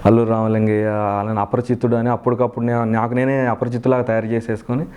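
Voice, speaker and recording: Young guy chatting in an interview, earnest, tells his story plainly, mid pitch. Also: fast talker, smooth. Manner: earnest, animated, breaks into high shouted impressions. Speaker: mimicry artist guest.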